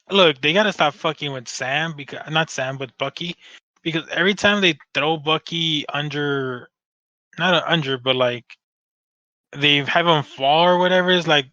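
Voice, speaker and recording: A man with a bright, forceful, slightly high voice chats loosely on a fan podcast, stumbling over restarts and swearing freely. The sound is dry and a little dull. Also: moderate pace, dry recording. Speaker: podcast co-host. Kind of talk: casual fan discussion.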